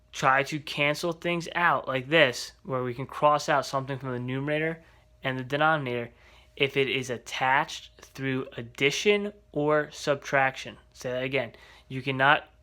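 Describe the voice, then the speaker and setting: A man's voice: medium pitch, pushed and bright. A man teaching an algebra lesson, explaining step by step and checking in with rhetorical questions. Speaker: math teacher.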